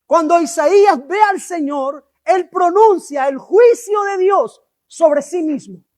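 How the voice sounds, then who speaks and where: A man preaching a sermon as pastor, animated and asking the congregation questions. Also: extremely high pitch, slow pace.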